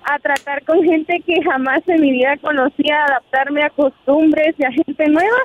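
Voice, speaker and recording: Soft-spoken woman caller on a tinny phone. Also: high voice, steady tone, normal speed, dry recording. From Mexico. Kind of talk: phone-in conversation. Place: on a bus. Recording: tinny phone line with music.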